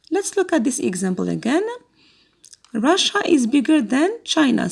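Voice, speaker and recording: A woman's voice: high voice, creaky, a little mellow, husky. A woman teaching an English grammar lesson, patiently repeating words and asking learners to answer. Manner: slow, patient, repeats words for students to copy.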